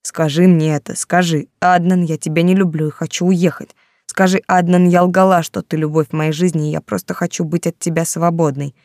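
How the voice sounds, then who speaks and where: Brooding possessive man, read by a woman, low insistent pleading, mellow dark tone, audiobook. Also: little pitch movement, normal speed, dry recording, clean studio sound, lightly acted. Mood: urgent.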